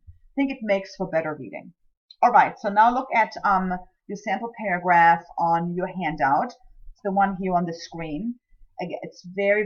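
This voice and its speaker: On dull audio, a woman whose voice is on the low side teaches scientific writing. German is her first language, and as a writing instructor she keeps the recorded lecture chatty, full of ums and little self-deprecating asides.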